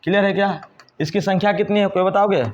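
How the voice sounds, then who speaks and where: A man's voice: sits high, steady tone, fast talker, a little hiss or hum. A man teaching a whiteboard grammar lesson, asking the class questions and answering them himself. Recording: dull lo-fi recording.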